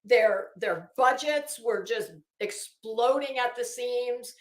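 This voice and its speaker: A woman with a fairly high voice takes things slowly while hosting a livestream. She chats with viewers about a legal case, sarcastic and casual, with a theatrical, exasperated, mocking delivery in an echoey room.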